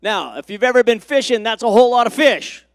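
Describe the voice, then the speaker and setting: A man's voice: extremely high pitch, animated, a little fast, no echo, studio quality. A male pastor preaching a sermon to his congregation, with rising and falling emphasis and questions to the room. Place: church.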